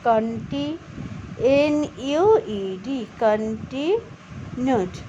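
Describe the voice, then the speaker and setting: A woman teaching children to read English, reading each line very slowly and then explaining spelling and pronunciation. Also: expressive, mellow. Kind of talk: bilingual reading lesson for children. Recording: slightly dull low-fi recording with faint background noise.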